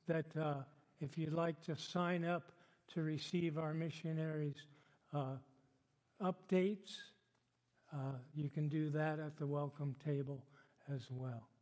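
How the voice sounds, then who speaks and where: An older man preaches from the pulpit, chatty and easygoing, with frequent fillers and laughs. His voice sits high and his pace is slow and deliberate. Long reverb from the church hall trails behind each phrase. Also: steady tone, darkish tone. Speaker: pastor. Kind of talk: sermon. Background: congregation responding.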